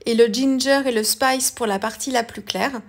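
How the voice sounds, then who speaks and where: A woman's voice: on the high side, fairly even intonation, normal speed. Hesitant woman explaining crafts. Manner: hesitant, many fillers and self-corrections. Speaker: craft tutorial host. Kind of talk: casual voice-over art tutorial.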